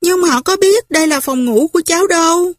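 A woman's voice: very high voice, brisk, no room sound, clean studio sound, pitched above the performer's own voice. A woman voicing a willful, restless young widow who talks back petulantly. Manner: petulant, defiant.

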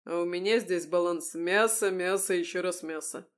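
A woman voicing a burly, cynical male cook who talks in a loud, growling, scoffing way. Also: on the low side, moderate pace, lightly acted. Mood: mocking.

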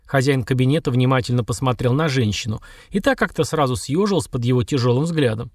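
A man's voice: mid-range voice, fast talker, darkish tone, no room sound, clean studio sound. Man narrating an audiobook. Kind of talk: scripted narration.

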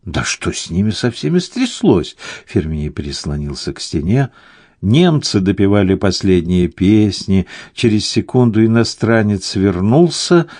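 Dark-voiced male audiobook narrator. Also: lowish voice, no room sound, clean studio sound.

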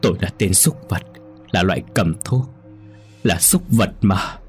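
A man's voice: low voice, unhurried, faint music behind. A man voicing a terrified, guilt-ridden man in a spoken ghost story, frantic and desperate. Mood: remorseful.

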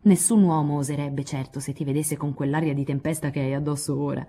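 A woman's voice: deep voice, fairly quick. A woman reading aloud, voicing a spirited young woman who coaxes and teases a friend. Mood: coaxing. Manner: coaxing, lively.

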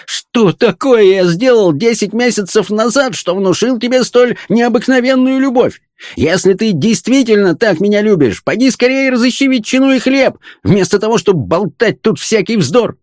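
A man voicing an irritable, bossy man, a cranky old professor in a young body, who shouts orders and rages. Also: fairly high pitch, animated, normal speed, hardly any pauses, no echo, studio quality, voice pushed up, natural voice. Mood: raging.

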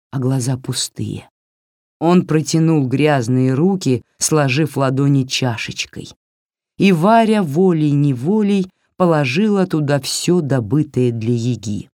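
Low, lively woman storyteller. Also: dry recording, studio quality. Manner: measured, expressive storytelling. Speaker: narrator. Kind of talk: audiobook fairy-tale narration.

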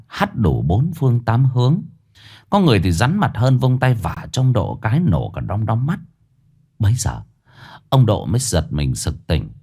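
A man narrating a ghost story in a dramatic, lively way. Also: fairly low pitch, husky. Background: faint music.

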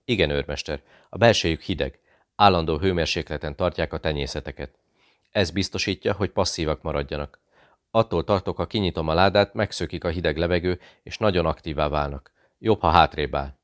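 A man voicing a calm, polite British man posing as a doctor, speaking in a courteous, conversational way. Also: sits low, dry recording, close to an everyday voice. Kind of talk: audiobook dialogue.

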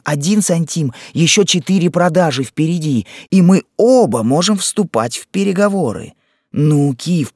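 A man's voice: medium pitch, darkish tone, slightly rough, no room sound, clean studio sound. A man voicing a fierce devoted young wife. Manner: raised, emotional, pleading delivery. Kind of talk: audiobook character reading.

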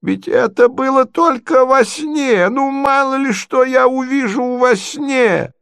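A man's voice: high voice, lively intonation, slow, gravelly, no room sound, clean studio sound, voice pushed up, full character voice. A man voicing a senile, fussy elderly prince who stammers and quavers. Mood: dithering.

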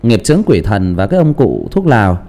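Animated male audiobook narrator. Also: on the low side, fairly quick. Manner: animated, repeats and restarts, asks listeners rhetorical questions. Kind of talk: casual talk about character voices.

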